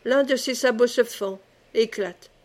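A woman reading a historical novel aloud in slow, deliberate, dramatic narration. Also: on the high side, darkish tone. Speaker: audiobook reader.

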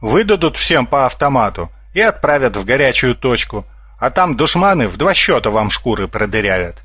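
A man's voice: mid-range voice, sing-song, moderate pace, bright, forceful tone, husky, no room sound, studio quality, heavily acted. A man voicing a sly male fox trickster in an audiobook, teasing and smug. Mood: mocking.

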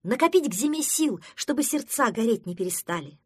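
A woman's voice: a little high, animated, fairly quick, a little mellow, breathy edge, no echo, studio quality, pitched above the performer's own voice. Woman doing an eager, cheerful girl. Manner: eager and emphatic. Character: bright, cheerful girl who loves holidays. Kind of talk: children's audiobook reading.

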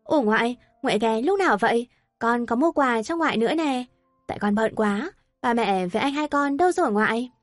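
A cheerful, chirpy young woman home for a visit in an audio story, voiced by a woman narrator. She talks quickly in a bright, high voice. The recording is dry and close. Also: lively intonation, dry recording, soft background music, lightly acted.

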